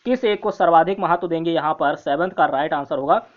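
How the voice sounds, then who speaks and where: An online exam-prep teacher reads each quiz question and its options aloud, then repeats them before giving the answer. The voice sits at a middling pitch and keeps checking in with the viewers. The recording sounds dull and lo-fi. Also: a little fast.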